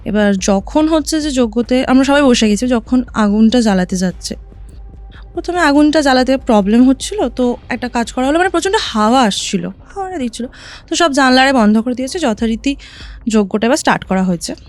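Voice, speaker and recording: A woman telling a listener her own ghost story in a casual podcast chat, vivid and animated, often asking "right?". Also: sits high, a little fast. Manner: recounts events vividly, often checking in with "right?".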